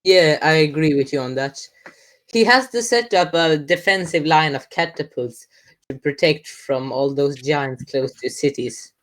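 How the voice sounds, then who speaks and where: A woman's voice: low voice, measured pace. A woman giving live commentary on a strategy game match, explaining the moves step by step and agreeing with her co-casters. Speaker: esports commentator.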